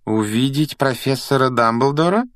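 A man voicing a strict older woman professor in a storybook reading, speaking in a cold, clipped, measured way. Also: mid-range voice, very animated, dry recording, studio quality, pitched above the performer's own voice, lightly acted. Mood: stern, cold.

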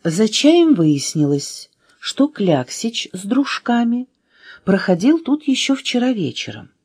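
A woman reading a children's storybook aloud in an expressive way, changing voices for the figures. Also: slow, breathy edge. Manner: expressive, changing pitch for drama. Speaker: reader.

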